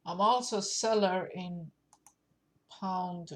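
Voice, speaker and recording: A woman's voice: on the low side, slow, slight background noise. A woman with a cold and a nasal voice, hosting a forex channel and walking through currency charts, thinking aloud. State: has a cold. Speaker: forex trading channel host. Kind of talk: casual market forecast walkthrough.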